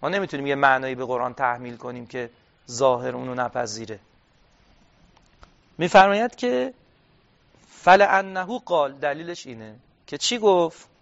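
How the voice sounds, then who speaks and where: A man's voice: medium pitch, lively intonation, pauses often. A man teaching a class on scripture commentary, reading Arabic passages aloud and explaining them step by step, putting questions to his listeners and answering them himself. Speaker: religious studies teacher. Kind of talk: classroom lecture on Quranic exegesis. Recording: dull lo-fi recording.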